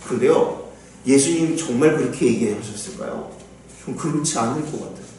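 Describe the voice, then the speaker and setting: A man preaching a sermon as pastor, animated and acting out the voices he quotes. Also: medium pitch, a little fast, slight background noise. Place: church sanctuary. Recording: echoey church hall, mic at a distance.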